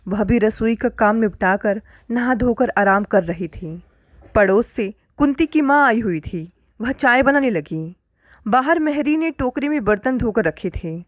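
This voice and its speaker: A woman's voice: on the high side, no echo. Woman narrating a family story, dry sound.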